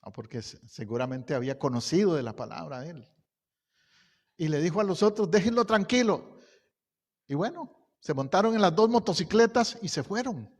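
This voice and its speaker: A man's voice: on the high side, animated, brisk, darkish tone. A middle-aged male pastor preaching a storytelling sermon, building to emphatic bursts. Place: church hall. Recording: long church hall reverb.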